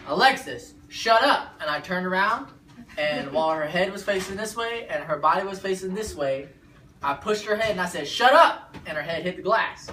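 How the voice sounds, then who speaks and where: Young man telling a lively family story. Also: on the high side. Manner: animated, acts out shouts in the story. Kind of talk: casual storytelling. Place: family home, indoors. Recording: roomy home video from a distance, noisy.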